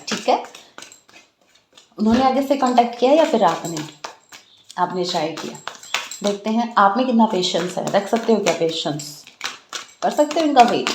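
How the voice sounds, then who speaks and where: A woman's voice: mid-range voice, reverberant, slight background noise. An Indian woman doing a casual tarot reading, chatting to viewers with a slightly sore throat. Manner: chatty, animated, addresses viewers as guys. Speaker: tarot reader.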